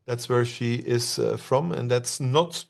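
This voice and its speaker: A man from Belgium presents to an online audience at an everyday mid pitch. He talks loosely, filling pauses with "uh" and putting questions to his listeners. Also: gravelly. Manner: conversational, many "uh" pauses, asks the audience questions.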